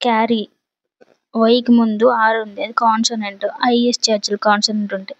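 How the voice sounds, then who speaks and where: Steady Telugu-accented woman teaching grammar. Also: fairly high pitch, brisk, no echo, highs cut off. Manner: steady, explains step by step with examples. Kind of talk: explaining a grammar lesson.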